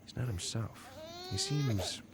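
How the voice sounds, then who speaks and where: An actor playing a worried, protective young husband in an audio drama, talking softly. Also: male voice, lowish voice, expressive, slow pace, crowd noise. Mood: concerned. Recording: music under the voice.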